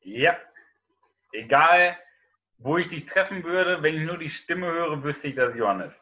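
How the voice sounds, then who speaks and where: A man's voice: a little high, expressive, measured pace, bright, forceful tone, dull audio. A man hosting an interview, enthusiastic as he introduces his guest. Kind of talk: casual interview talk.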